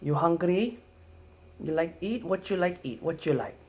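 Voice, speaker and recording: A man's voice: fairly high pitch, expressive, normal speed, very noisy, pitched above the performer's own voice, close to an everyday voice. A man voicing an old-school Filipino grandmother over seventy, with a Filipino accent and clipped, broken English. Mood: pushy doting.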